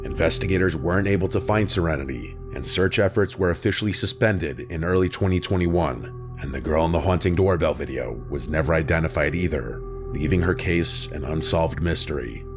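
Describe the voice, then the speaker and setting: A man with a very low voice reads a true-crime script in an even, measured way. He sits close to the mic, and music plays clearly underneath him. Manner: even, measured storytelling delivery. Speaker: narrator. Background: music bed.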